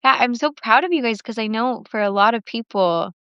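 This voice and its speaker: A woman's voice: fairly high pitch, brisk, clean tone, no room sound. Chatty woman hosting a live session. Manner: chatty, with frequent "like" fillers. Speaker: self-love workshop host. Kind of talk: casual livestream talk after a guided meditation. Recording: dry, slightly dull lo-fi livestream audio.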